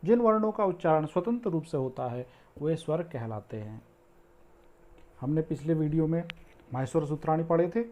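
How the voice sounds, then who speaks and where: A man's voice: a little high, dull audio. A man teaching a grammar lesson in a teacherly way, reciting Sanskrit verses and drawing out vowel sounds.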